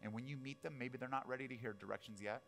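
A man's voice: medium pitch, steady tone, fast, vocal fry, a bit bright, slight background noise. Male pastor, 40s, conversational sermon, tells stories and keeps checking in with the congregation. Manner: casual storytelling with asides and audience questions.

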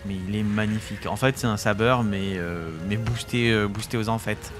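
A man's voice: on the low side, fairly even intonation, moderate pace, music in the background. A man giving casual, enthusiastic commentary while playing a survival game, chatting to his viewers and to his tame creature. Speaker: gaming YouTuber.

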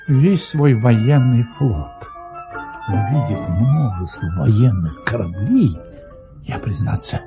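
An actor playing an excitable, boastful adventurer baron in a theatrical, expressive audio play style, with a husky voice. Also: male voice, a little high, poor audio. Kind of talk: Soviet audio play acting.

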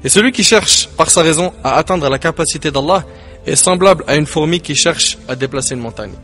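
A man delivers a sermon in a noticeably high voice. His delivery is emphatic, with rising peaks and sudden soft drops. Quiet music plays underneath. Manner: emphatic, rising and falling delivery with dramatic pauses. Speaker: preacher.

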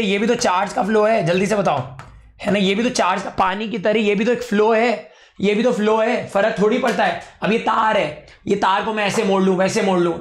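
Hoarse guy teacher, kinda high voice, super casual and blunt with students, echoey room. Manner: chatty, informal, addresses the student directly and bluntly. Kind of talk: casual online physics lecture.

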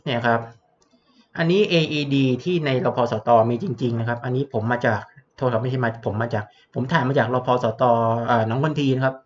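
A man's voice: medium pitch, brisk, slight background noise. A man teaching basic life support in a chatty, plain-spoken way, stacking polite particles and blunt asides. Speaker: health trainer. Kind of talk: casual instructional lecture. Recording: dull lo-fi audio.

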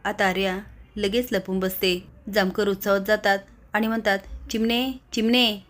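A woman narrates the recap of a TV serial in plain, steady storytelling. Her pitch is mid-range and stays flat, with little rise or fall. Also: moderate pace.

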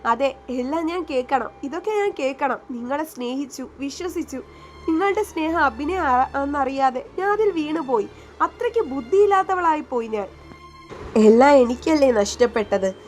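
A woman's voice: high voice, animated, moderate pace, faint music behind. A woman voicing a hurt, heartbroken young woman in a spoken romance story. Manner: hurt, pleading.

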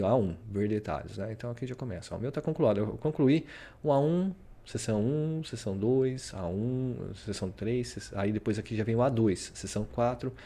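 A man's voice: mid-range voice, warm tone. A man from Brazil talking casually about his study routine while sharing his screen, rambling and tagging "né?" onto many sentences. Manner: rambling, full of "né?" tags. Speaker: vlogger. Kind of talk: casual screen-share talk.

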